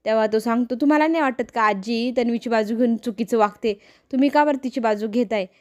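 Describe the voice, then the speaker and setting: A woman's voice: a little high, fast talker. A woman with a Marathi accent casually retelling a TV serial episode, lightly acting out the characters' lines as she goes. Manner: casual storytelling, acts out quoted dialogue lightly. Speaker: serial episode recap narrator.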